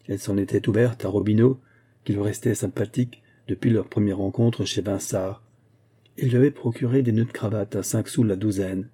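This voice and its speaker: A man narrating a classic novel as an audiobook in a measured, literary way. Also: fairly low pitch, warm tone, husky.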